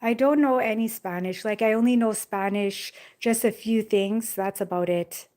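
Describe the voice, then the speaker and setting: A young woman from Jamaica, her voice mid-range and somewhat dark, talks at a normal speed during a relaxed live stream on a handheld phone. She goes through viewer comments in a rambling way, frequently dropping in "like" and "you know."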